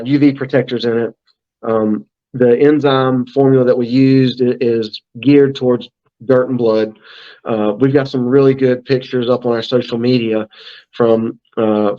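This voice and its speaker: A man's voice: mid-range voice, dull audio. A middle-aged man talking casually as a guest on a podcast, full of fillers and restarts. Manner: talkative, frequent fillers and restarts. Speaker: brand manager guest.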